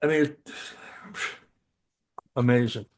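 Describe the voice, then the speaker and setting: An older man co-hosts a casual podcast at an even middle pitch. He talks with eager enthusiasm, stumbling over restarts and filler words as he goes. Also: slow. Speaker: podcast co-host.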